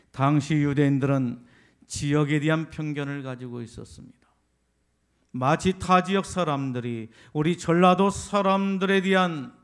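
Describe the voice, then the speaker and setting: High, resonant Korean pastor preaching. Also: male voice. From Jeolla, South Korea. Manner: asks the congregation rhetorical questions; swells louder on emphatic points. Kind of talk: sermon.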